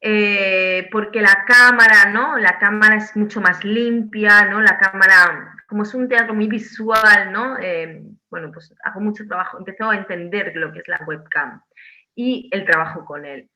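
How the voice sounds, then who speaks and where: A woman from Spain, a theatre director talking as a guest on a video call from home, animated, with many restarts and tag questions. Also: mid-range voice, moderate pace. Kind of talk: casual online interview.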